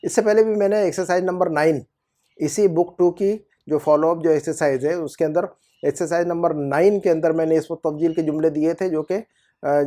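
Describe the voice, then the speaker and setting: Grammar teacher, recorded lesson, mid-range pitch, repetitive fillers, frequent "okay?" checks, slow deliberate Arabic examples. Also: warm tone.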